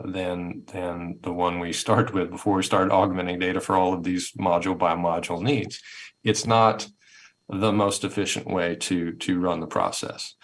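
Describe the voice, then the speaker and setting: Low-voiced man presenting in a webinar. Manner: thoughtful, repeats words while building points. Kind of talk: conversational presentation. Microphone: video call headset or laptop mic.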